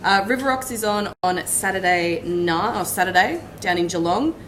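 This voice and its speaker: A woman's voice: on the low side, lively intonation, a bit bright, low-quality recording. Breathless Australian woman rattling off gigs. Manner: rapid, breathless list reading. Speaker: co-host reading the gig guide. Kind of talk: live pub chat show. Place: pub venue.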